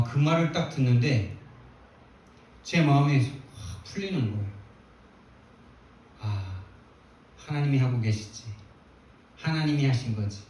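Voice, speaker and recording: A man preaching a sermon as pastor, retelling a story in an animated way with quoted prayers. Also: medium pitch, a little hiss or hum. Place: church sanctuary. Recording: echoey church hall from far off.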